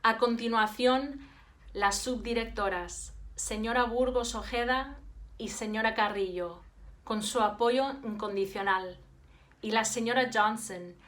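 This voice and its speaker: A woman's voice: on the high side, a little slow, fairly bright tone. A woman from Spain with a Spanish accent, a teacher giving a formal address and thanking her staff. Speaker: Spanish and French teacher, program director.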